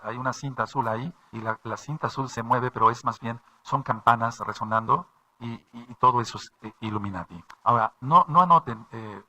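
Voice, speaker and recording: A man's voice: mid-range voice, pushed and bright. A man pastor, preaching a sermon with frequent restarts and repeated phrases.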